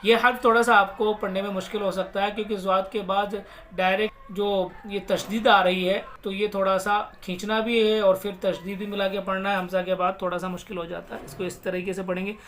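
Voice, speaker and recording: A man teaching Quran reading, spelling out letters and vowel marks one by one and then reciting the words slowly and drawn out. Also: high-pitched, flat delivery, a bit bright, a little hiss or hum.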